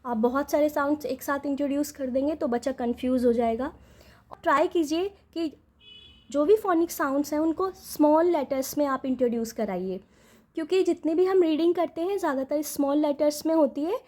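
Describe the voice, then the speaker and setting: A woman teaching letter sounds to parents, going slowly, repeating each sound and checking in often. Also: high-pitched, a little mellow. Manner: patient, checks in with "ठीक है?" after each point. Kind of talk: instructional explainer.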